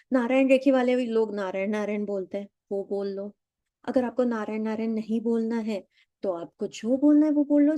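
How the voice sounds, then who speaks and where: A woman's voice: high-pitched, dark tone, no room sound. A middle-aged woman coaching a live online session, chatty and teasing, slipping into English and acting out the lines she quotes. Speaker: EFT and meditation coach. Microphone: video call.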